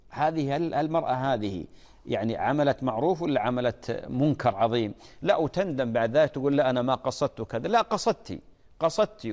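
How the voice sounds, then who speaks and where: A man's voice: medium pitch, darkish tone, in a large hall. A man preaching an earnest sermon, often stalling and restarting mid-word.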